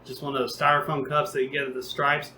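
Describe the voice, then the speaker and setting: A young man co-hosting a podcast, telling a long, rambling, profane story in a casual, animated way. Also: mid-range voice, fast. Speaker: podcast co-host. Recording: roomy echo, faint background noise.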